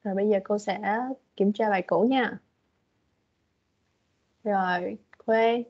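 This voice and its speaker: A woman teaching English to a young child online, patient and coaxing as she explains things slowly. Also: mid-range voice, steady tone. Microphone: video call. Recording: dull lo-fi video call audio.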